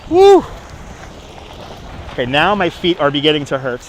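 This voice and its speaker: Middle-aged man, Brooklyn accent, slightly high voice, chatty and repetitive, casual live-stream talk, faint city street noise. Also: fast talker, fairly bright tone. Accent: Brooklyn, New York. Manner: chatty, reading and answering viewers aloud, repeats himself. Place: outdoors on busy Manhattan streets.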